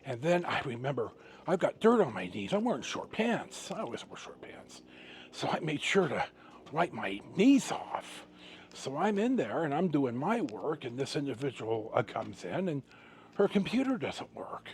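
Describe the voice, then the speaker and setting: With a fairly high voice and big swings in pitch, a middle-aged man casually shares a personal story with his vlog viewers, rambling and halting with dramatic pauses and emphasis. A little hiss or hum sits under the recording.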